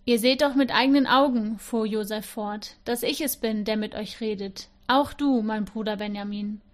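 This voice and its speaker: A woman's voice: fairly high pitch, moderate pace. A woman reading a Bible passage aloud in church, giving the quoted speakers some expression. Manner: reads with expression, voicing the speakers' lines. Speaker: scripture reader.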